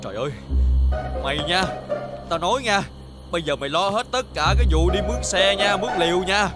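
A man's voice: high-pitched, animated. A young man with a Southern Vietnamese accent, acting an exasperated older brother who scolds and nags in a TV comedy series. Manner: exasperated scolding, rapid nagging. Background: music.

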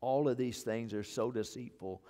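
A man's voice: medium pitch, moderate pace, warm tone. An older man preaching a sermon as pastor, pressing his points with repeated phrases, on a church stage on a wireless mic. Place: church sanctuary stage, indoors. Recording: long reverb of a church hall.

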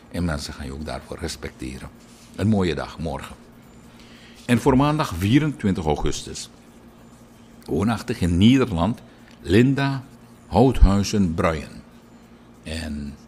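A middle-aged man with a very low voice reads out birthday wishes like a broadcast host. He talks in a chatty, lively way and drifts into anecdotes between names. A faint ambient hiss sits under his voice. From Suriname. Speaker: radio and TV presenter.

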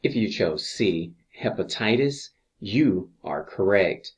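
Acting as an instructor, a man reads scripted exam review questions deliberately, pausing between each answer choice. His voice is lowish and expressive.

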